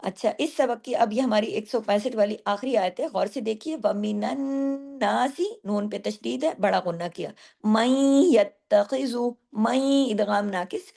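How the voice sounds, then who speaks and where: A middle-aged woman teaching tajweed. She explains each rule patiently and recites the verses slowly, drawing the sounds out. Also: mid-range voice, creaky, a little mellow. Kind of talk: tajweed lesson.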